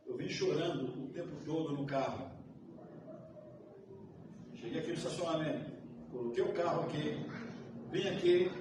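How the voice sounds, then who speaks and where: A man preaching a sermon as pastor, emotional and rising to shouts, asking the congregation questions. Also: on the high side. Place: church sanctuary. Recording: very echoey room, mic far off, faint hiss.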